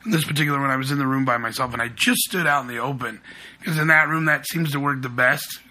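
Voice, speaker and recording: A man's voice: mid-range voice, quick pace. A man telling his scare-actor stories in casual chat and acting out the people he quotes. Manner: animated storyteller who acts out the people he quotes. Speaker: guest who works as a haunted attraction scare actor.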